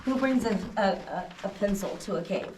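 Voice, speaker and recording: A woman's voice: mid-range voice, lively intonation, normal speed, darkish tone. A woman from Texas working as an echoing cave guide, giving a casual, enthusiastic tour with folksy, informal speech inside a cavern. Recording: echoing cave, distant mic, noisy.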